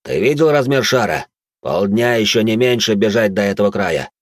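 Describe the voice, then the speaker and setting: A man's voice: fairly low pitch, animated, normal speed, dry recording, studio quality. A man voicing a mocking, battle-hardened old man in an audiobook who sneers and barks orders. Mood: sneering. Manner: gruff, sneering, barks commands.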